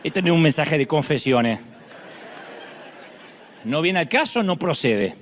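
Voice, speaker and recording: A middle-aged man preaching a sermon, dramatic, moving from shouts to hushed lines, with humorous asides. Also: fairly high pitch, expressive, unhurried, big-room sound, slight background noise.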